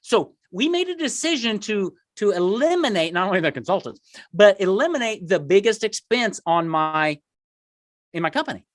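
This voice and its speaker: A middle-aged man chatting as a podcast guest, with very lively pitch swings. His delivery is emphatic and self-deprecating, and the sound is dry and close. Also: normal speed, no room sound. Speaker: podcast guest, marketing entrepreneur. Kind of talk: conversational interview storytelling.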